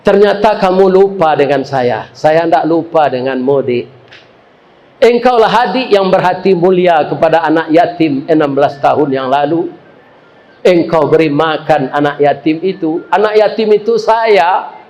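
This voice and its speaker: A preacher acting out a soft-spoken male hospital director, tender and solemn, in a Minangkabau accent. The voice sits a bit lower than the man's usual fairly high pitch and pleads quietly. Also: normal speed, lightly acted.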